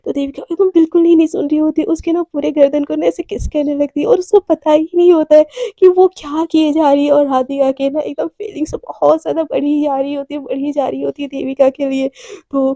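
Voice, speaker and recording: A woman's voice: high-pitched, little pitch movement, brisk, dark tone, no echo. A young woman casually narrating a romance story, chatty and full of fillers and asides to the listener.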